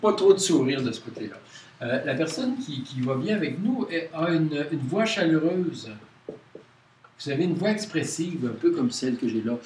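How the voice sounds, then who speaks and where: A man's voice: a little high, animated, a little mellow. Hesitant Quebec man teaching a group. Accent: Quebec French. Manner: halting, many hesitations and restarts. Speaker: workshop leader. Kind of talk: informal workshop teaching. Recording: roomy, distant mic with faint noise.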